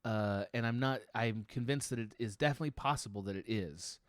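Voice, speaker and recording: A man chatting casually about films on a podcast in a reserved, measured, hedging manner. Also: lowish voice, dry recording, studio quality. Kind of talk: casual film podcast chat.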